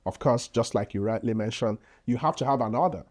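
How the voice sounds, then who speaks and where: A man's voice: mid-range voice, brisk, a little mellow. A man from Nigeria with a Nigerian accent, a podcast guest and physician, explaining earnestly with frequent fillers. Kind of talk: casual interview talk.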